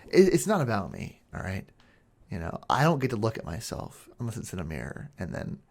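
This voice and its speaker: An obsessive male kidnapper played by a man in an intimate role-play monologue. His voice sits low with a heavy creak, and he muses haltingly, coaxing his captive with controlling, quiet menace. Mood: obsessive, creepy. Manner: halting, musing, coaxing, with drawn-out pauses.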